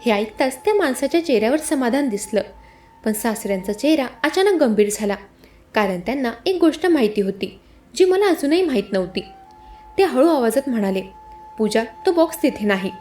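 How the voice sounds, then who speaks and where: A woman narrating a scripted first-person story in a steady, dramatic storytelling manner. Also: high voice, a little fast, slight background noise.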